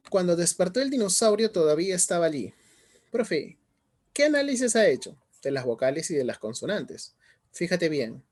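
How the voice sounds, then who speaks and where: A man's voice: a little high, darkish tone, slightly rough. A middle-aged male teacher giving an online class, often asking students questions and checking in as he explains. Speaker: language teacher.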